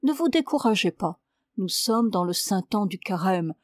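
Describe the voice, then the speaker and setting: A woman's voice: medium pitch, animated, moderate pace, no echo, clean studio sound, close to an everyday voice. A woman reading a storybook, voicing an elderly priest who reproves and counsels a penitent. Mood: sermonizing. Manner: solemn, sermonizing, gently reproving. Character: elderly male abbé, stern yet fussy confessor.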